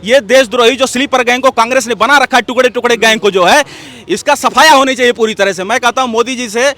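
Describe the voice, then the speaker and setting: Speaking quickly in a very high, bright and forceful voice, this man is an interview guest airing combative, heated political views. Emphatic throughout, he drives his points home and repeatedly says "look" and "listen" to grab attention.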